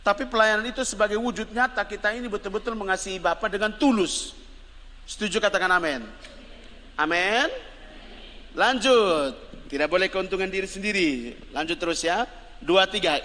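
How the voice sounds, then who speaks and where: A male evangelist with a Kupang Malay accent giving a lively, joking sermon and calling on his congregation to respond. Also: high voice, moderate pace. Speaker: evangelist preacher. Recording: reverberant hall, faint background noise.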